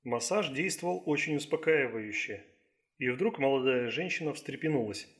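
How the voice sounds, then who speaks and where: A man reading an audiobook in a steady, even scripted narration. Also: mid-range voice, normal speed.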